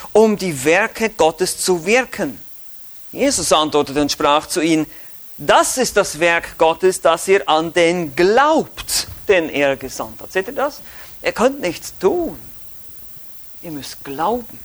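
A Swiss German man teaching from the Bible in sermon style. His voice sits high for a man, and he stresses points emphatically, rising then dropping low. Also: a bit bright. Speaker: preacher.

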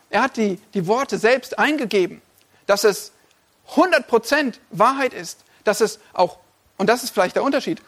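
Male pastor, sermon, high voice, emphatic, direct address, repetitive lists. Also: a bit bright. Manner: builds repeated lists.

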